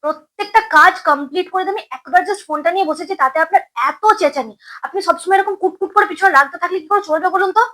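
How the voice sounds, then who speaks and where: A woman's voice: very high voice, fast, hardly any pauses, bright, forceful tone, rough recording. A woman playing a young daughter-in-law in a comedy sketch who talks back sarcastically, with a Bengali accent. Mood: complaining.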